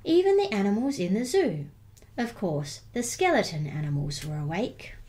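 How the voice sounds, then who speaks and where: Expressive woman storyteller, very lively intonation. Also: medium pitch. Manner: expressive, deliberate emphasis on repeated words. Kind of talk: children's picture book read-aloud.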